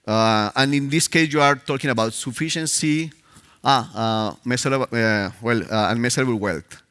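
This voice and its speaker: A conference speaker with a Spanish accent, Spanish being his native tongue, delivers a live talk on stage, hesitating often with fillers and restarts. He speaks at normal speed in a mid-range voice with a sharp yet smooth tone.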